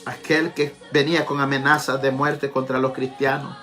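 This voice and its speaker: A man's voice: mid-range voice, flat delivery, moderate pace, bright, forceful tone, soft background music. A man preaching a Pentecostal sermon as pastor, fervent and repeating his address to the congregation. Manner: impassioned preaching, repeats "amados hermanos". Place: church.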